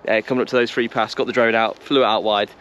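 A man's voice: on the low side, fairly even intonation, fast, fairly bright tone. Young guy vlogging on a windy hill, camera at arm's length, chatty, jokes around, points the way. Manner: chatty, jokey, giving directions. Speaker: vlogger hiking guide. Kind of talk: casual outdoor vlog chat. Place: open hillside outdoors. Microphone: action camera held at arm's length.

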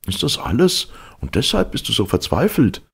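A kindly old friend from a fairy tale, as a man puts him on, pitched well above the reader's very deep, gravelly voice. He sounds lively and reassuring, with a husky rasp underneath. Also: normal speed, full character voice.

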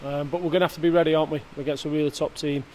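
Hesitant football manager. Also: male voice, on the high side, little pitch movement, racing, darkish tone, a little hiss or hum. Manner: hesitant, many fillers and restarts. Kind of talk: post-match interview. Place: indoor press area before a sponsor board.

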